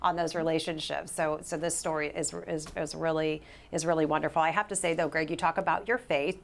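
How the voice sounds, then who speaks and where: A woman's voice: low voice, steady tone, fairly quick, vocal fry. A woman hosting a live news show, speaking in an upbeat, conversational way with some stumbling restarts. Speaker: host.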